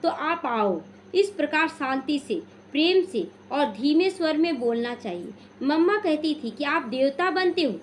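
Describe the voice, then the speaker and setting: A woman giving a slow, calm devotional talk as a spiritual teacher, teaching through stories and often restarting her words. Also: sits high, a little hiss or hum.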